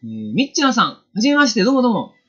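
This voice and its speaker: A man's voice: very high voice, wildly swooping pitch, very fast, sharp tone, slightly rough, highs cut off. A man with a Kansai accent giving a casual, chatty watercolor painting demo on a live stream, reading viewer comments aloud.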